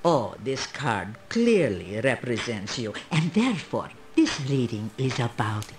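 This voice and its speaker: Old female fortune teller, video game character, slow solemn delivery, sweeping intonation, mysterious, proud. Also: rumbling low, very animated, a little hiss or hum, heavily acted.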